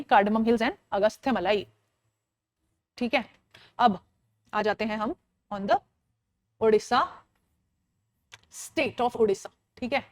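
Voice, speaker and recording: A woman teacher with a fairly high voice runs an online exam-prep lecture, quizzing listeners, answering her own questions and chanting lists in a sing-song drill with English phrases mixed in. The recording is dry.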